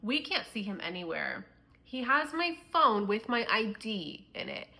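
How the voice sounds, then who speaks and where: Young Midwest woman, bright tense tone, rambling storytime vlogger. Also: fairly high pitch, sing-song, unhurried. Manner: chatty storytelling, filler-heavy. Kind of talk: storytime vlog.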